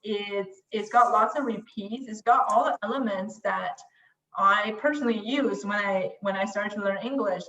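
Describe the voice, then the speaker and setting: A woman whose native language is Mandarin, a guest who created a language website, chats casually and self-deprecatingly, often restarting sentences. Her medium-pitched voice is pushed and bright at a moderate pace, captured in a distant, roomy, dull lo-fi recording.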